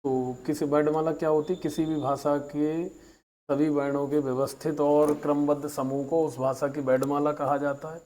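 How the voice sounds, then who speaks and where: Man, teacher, patient recap of a lesson, drawn-out example sounds, fairly high voice with a mellow tone. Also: flat delivery, low-quality recording. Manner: patient, explains slowly and drags out vowel sounds as examples; mixes in English words.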